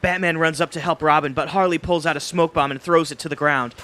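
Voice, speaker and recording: A man narrating stage directions in a live script read-through, reading briskly with small slips. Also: on the high side, steady tone, pushed and bright.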